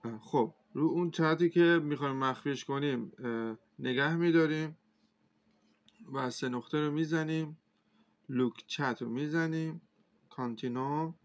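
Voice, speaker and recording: A man giving a casual, step-by-step phone tutorial as a computer instructor, talking in a relaxed, hesitant way with many filler sounds. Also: a little high. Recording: slightly dull lo-fi sound.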